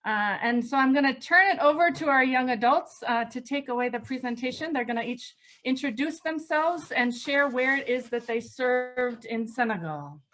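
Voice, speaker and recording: A woman's voice: high voice, normal speed, fairly bright tone. A woman pastor hosting an online presentation, explaining informally with many fillers over a video call. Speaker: pastor and program coordinator, host.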